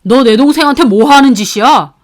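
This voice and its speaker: Storybook figure: a stern, furious older brother who yells at an employee, voiced by a woman narrator. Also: high-pitched, animated, brisk. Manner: furious, berating. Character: angry protective older brother, company manager.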